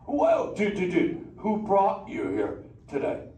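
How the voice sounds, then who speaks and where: Here the man's surfer sea turtle sounds exaggerated: high-sitting, slow, dark in tone, with huge swings in pitch. The laid-back male turtle drawls slang and teases the audience in a live interactive theater show, recorded noisily from a distance in an echoey hall.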